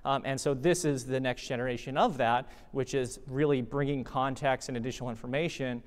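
A man giving a conversational conference talk, animated and full of fillers like "uh" and "you know". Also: medium pitch, brisk, big-room sound. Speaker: conference presenter. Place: conference hall.

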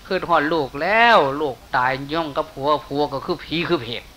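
Thai monk telling a folk tale, Isan accent. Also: male voice, on the high side, brisk. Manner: storytelling in lively folksy speech, softening for quoted lines. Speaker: monk preacher. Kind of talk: sermon storytelling. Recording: faint hiss.

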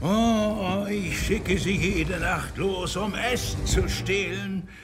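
An actor voicing a sinister, commanding rat overlord in an animated film, speaking coaxingly as a telepathic voice inside the listener's head. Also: male voice, high-pitched, slow. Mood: smug, menacing. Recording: music under the voice.

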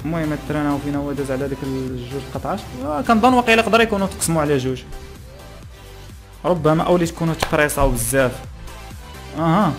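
A young man speaks Moroccan Arabic dialect at a very rapid clip in a slightly high voice, reacting casually and thinking aloud. He is close to the microphone, with some music behind him. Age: young adult. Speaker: YouTube channel host. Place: small plain room indoors. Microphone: close desk microphone.

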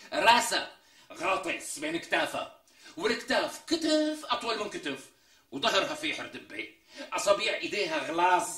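A man's voice: high voice, bright, forceful tone, roomy sound, full character voice. An actor playing a melodramatic, boastful man in a TV comedy sketch, talking in a theatrical, exaggerated way. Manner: theatrical, exaggerated, drawn-out emphasis. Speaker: comic sketch character.

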